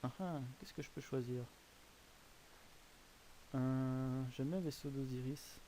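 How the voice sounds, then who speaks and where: Male game host, mellow low-bright voice, casual hesitant commentary with frequent self-corrections. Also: takes it slowly, a little hiss or hum. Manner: rambling, hesitant, often corrects himself. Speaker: host presenting a browser game.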